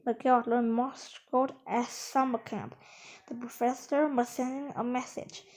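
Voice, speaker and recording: A woman reading a children's adventure book aloud in a lively way. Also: on the high side, measured pace, rough recording. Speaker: storyteller.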